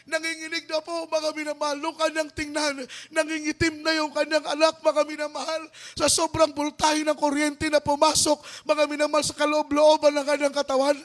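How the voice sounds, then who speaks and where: Filipino guy preaching, really high voice, flat sing-song drone, music playing faintly under him. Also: normal speed. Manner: fervent, repetitive refrains, rising to shouts. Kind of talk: sermon.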